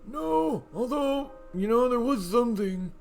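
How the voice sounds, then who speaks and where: A man voicing an older husband in a game, with a put-on gravelly old man voice that sits higher than his own. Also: animated, measured pace, darkish tone, faint music behind, exaggerated voice. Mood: recounting.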